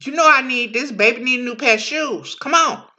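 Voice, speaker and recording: A woman's voice: high voice, fairly quick, bright, forceful tone, full character voice. A woman voicing an eager gambler who pleads with the dice. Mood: pleading. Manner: pleading, hyped.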